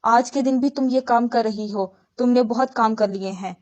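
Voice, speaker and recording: A woman voicing a grieving, devoted husband in a spoken religious story, asking gentle, anguished questions. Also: fairly high pitch, dull audio, lightly acted.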